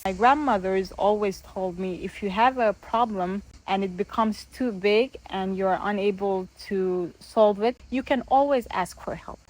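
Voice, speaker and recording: A woman from Sudan, a guest, explaining family wisdom gently and thoughtfully with small pauses. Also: medium pitch, poor audio. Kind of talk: casual explanation.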